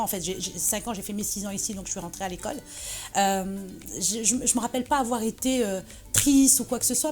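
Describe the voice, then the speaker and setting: A woman from Morocco speaks at a medium pitch in a relaxed interview. She talks hesitantly, with lots of fillers and restarts. Faint music plays behind her. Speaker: guest, association president. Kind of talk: casual interview conversation.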